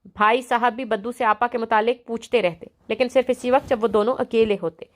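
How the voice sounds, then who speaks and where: A woman narrates a novel aloud in a steady storytelling manner. Her voice sits somewhat high.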